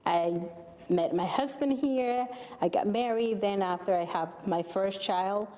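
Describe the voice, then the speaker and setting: A middle-aged woman from Mexico speaks, slowly and haltingly. Her phrases are simple and emotional. Her voice carries a long reverb in the room recording. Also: medium pitch, warm tone. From Guerrero, Mexico. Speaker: interviewee, mother. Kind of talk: personal interview.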